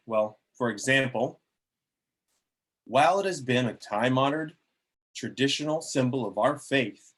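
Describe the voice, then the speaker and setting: Reading a public speech from an amateur script at a table read, a man voices a glib cardinal and sounds persuasive. His middle-pitched, husky delivery is oratorical and salesmanlike as he speaks to the crowd.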